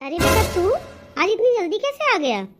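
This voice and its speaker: A voice actor playing a greedy, grumbling mother-in-law in a comedy cartoon, a little lower than the other women. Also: very animated, normal speed, music in the background. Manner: grumbling, lazy.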